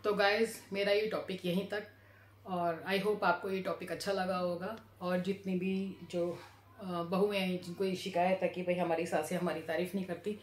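A woman's voice: on the low side, level tone, moderate pace, slight background noise. Chatty middle-aged woman in an echoey room. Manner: chatty, repeats phrases, acts out relatives' lines. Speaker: vlogger. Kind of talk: casual storytelling to camera.

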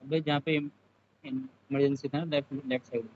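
A young man streaming a mobile game with friends, chatting excitedly and often exclaiming. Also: medium pitch, normal speed. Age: young adult. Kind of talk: casual gaming banter. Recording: muffled stream audio with loud noise.

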